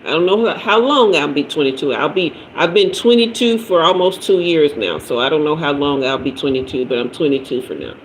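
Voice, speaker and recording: This woman in her fifties runs a tarot livestream, chatting loosely and slangily as she reads comments from viewers. She sits low in pitch and sounds expressive, talking a little fast with few pauses, against a roomy echo and faint noise.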